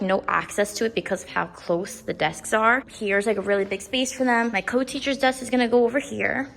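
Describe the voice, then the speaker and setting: A woman's voice: medium pitch, poor audio. A young woman teacher chatting casually in a vlog, full of fillers and upbeat asides. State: out of breath. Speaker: first grade teacher.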